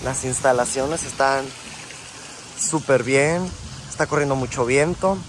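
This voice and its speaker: A young man, a travel vlogger, films himself on his phone held at arm's length while chatting casually to his viewers at a beach resort. His medium-pitched voice is a little slow, and his manner is relaxed and chatty, treating viewers like friends. Wind and sea noise fill the outdoor recording.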